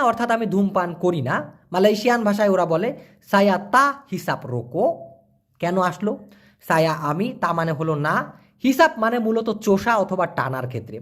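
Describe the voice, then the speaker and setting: Lively man teaching words. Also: high voice. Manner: explains step by step, repeats words for learners. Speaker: language teacher answering viewer questions. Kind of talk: casual spoken lesson.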